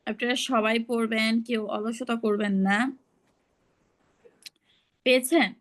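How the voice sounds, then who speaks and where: Woman teacher on a video call, a bit high voice, patient, keeps showing how each sound goes. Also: fairly even intonation, measured pace. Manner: patient, explains and models sounds. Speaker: online Quran pronunciation teacher. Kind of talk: online class instruction.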